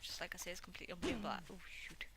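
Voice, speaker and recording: A young woman chatting casually and self-mockingly while playing a game, sometimes muttering quietly to herself. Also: fairly low pitch, rapid-fire, in a whisper. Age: young adult. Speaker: gameplay video host. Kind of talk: casual gameplay commentary. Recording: noisy home recording.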